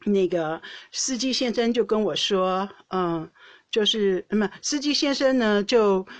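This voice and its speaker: A Taiwanese woman with a Taiwanese Mandarin accent hosts a podcast, recounting a personal story in a casual storytelling monologue. Her mid-range voice is unhurried, and the recording is dry. She talks chattily, frequently restarting sentences with small laughs.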